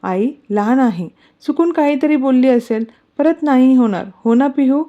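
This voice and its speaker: A woman reading a story aloud voicing a calm, firm young husband who speaks reassuringly. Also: sits high, moderate pace, muffled recording, pitched above the performer's own voice, natural voice. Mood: placating.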